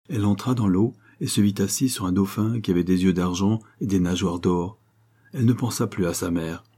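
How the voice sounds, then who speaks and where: Male audiobook narrator, low pitch, dark mellow tone, husky, calm and measured.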